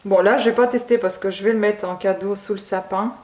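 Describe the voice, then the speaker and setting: A woman unboxing beauty products at home in a casual vlog, gushing over each item and pausing often with filler sounds. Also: mid-range voice, steady tone, a little mellow, reverberant. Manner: gushing, keeps saying she loves it; hesitant, many filler sounds. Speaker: beauty vlogger.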